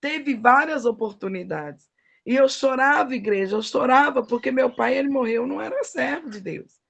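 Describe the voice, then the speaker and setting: A woman's voice: sits high, normal speed, creaky. A middle-aged woman preaching a devotional sermon, with emphatic, folksy storytelling.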